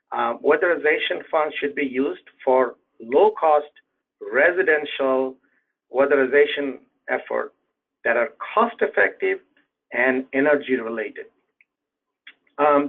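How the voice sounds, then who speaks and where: A man giving a measured webinar presentation on program policy, with many ums and uhs, heard over a phone line. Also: fairly high pitch.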